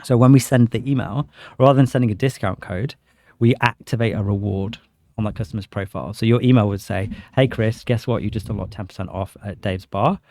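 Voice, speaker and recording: A man with a lowish, dark-toned voice speaks briskly as an interview guest, a sales director explaining a product conversationally with enthusiasm and everyday examples. The recording is dry and studio quality.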